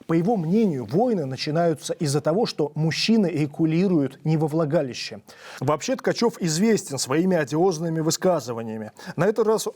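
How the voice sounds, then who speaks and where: A man's voice: a little high, darkish tone. A man presenting the news, reading scripted reports as narration.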